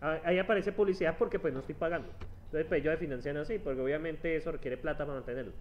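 A man with a fairly high voice races through a university lecture, chatty and teasing, constantly asking "¿sí?" to check in with students. It's a dull lo-fi classroom recording with slight background noise.

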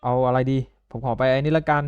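A man giving excited commentary on a mobile party game, often calling out and exclaiming. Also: medium pitch, fast, highs cut off, a little hiss or hum. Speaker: gaming YouTuber. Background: game music.

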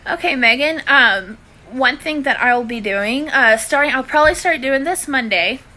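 Her voice sits high and sounds expressive, bright and forceful, moving at a moderate pace. She's a thirties-aged Louisiana woman with a Southern US accent hosting a cooking and budgeting live stream from her living room, talking informally to viewers on an arm's-length phone and using warm endearments.

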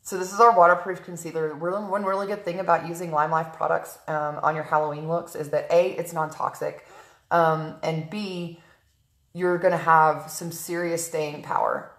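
A woman with a low, dark voice talks viewers through her makeup live from home, filling her pauses with "um" and calling out to viewers by name. Her voice comes through a tablet camera in an echoey room. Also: level tone. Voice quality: chatty, frequent "um" fillers, greets viewers by name mid-sentence. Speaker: makeup artist livestreaming a tutorial. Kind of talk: casual live makeup tutorial, chatting with viewers. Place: at home in a room, early morning. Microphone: tablet camera on a stand. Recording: roomy echo.

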